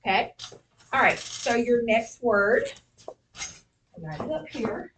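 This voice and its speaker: A woman's voice: a little high, slow pace, far from the mic. A woman teaching spelling to a class. She keeps prompting with questions and fills the gaps with "okay" and "all right." The mic sits well away from her, and a faint hiss runs under the recording.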